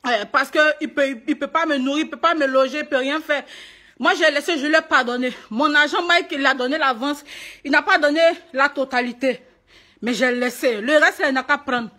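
Tearful woman in a bright, high voice. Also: moderate pace. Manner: upset, pleading, repeats herself. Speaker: singer and stage performer. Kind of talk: emotional live video rant. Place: indoors in a private home.

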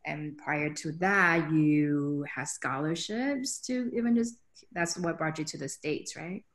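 Low-voiced woman in an echoey room. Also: slow, soft background music. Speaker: dance company director, host. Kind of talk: casual interview on a video call. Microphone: laptop webcam on a video call. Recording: echoey room on a video call.

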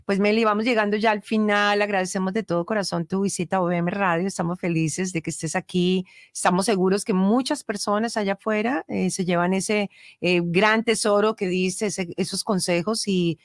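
A woman's voice: medium pitch, fairly even intonation, brisk, dry recording. A woman from Colombia hosting a radio interview show in a studio, speaking encouragingly and affirming her guest often. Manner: encouraging, affirming, many short acknowledgements. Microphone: studio mic.

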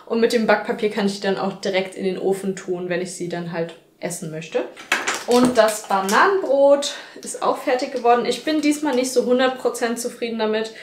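A woman's voice: on the high side, fairly quick. A young woman chats her way through a cooking vlog in her home kitchen, thinking aloud as she goes. The camera mic picks her up from a little way off, so the kitchen sounds echoey, with a faint noise underneath. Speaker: cooking vlogger. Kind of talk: casual cooking vlog narration.

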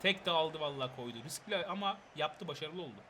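A young man giving excitable live gameplay commentary, urging on and scolding his players. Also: fairly high pitch, fairly quick, background noise. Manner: excitable, shouts at players, bursts of laughter. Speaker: gaming channel host.

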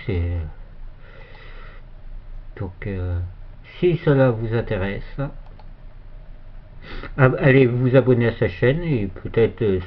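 A man giving a casual, hesitant shoutout for another channel while filming his computer screen, with many fillers and restarts. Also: mid-range voice, lively intonation, takes it slowly, long pauses. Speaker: youtuber. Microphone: phone filming a monitor. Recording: dull lo-fi phone recording.

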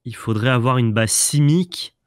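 A man co-hosting a card-game stream in casual chat, relaxed and hesitant, often trailing off in asides. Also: mid-range voice, moderate pace, no echo, studio quality. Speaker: co-host, gameplay commentator.

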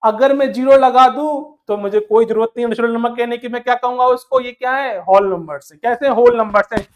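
A man's voice: very high voice, brisk. Male math tutor, exam prep lesson, keeps firing questions at the class and answering them himself, says my dear a lot. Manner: calls listeners "my dear", mixes English terms into Hindi; counts numbers aloud in steady rhythm. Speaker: math teacher.

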